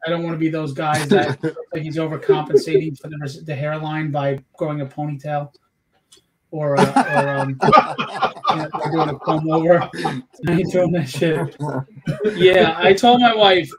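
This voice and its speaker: A man's voice: fairly high pitch, poor audio. A man hosting a live stream, chatting casually in a rambling, joking, candid way. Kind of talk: casual chat.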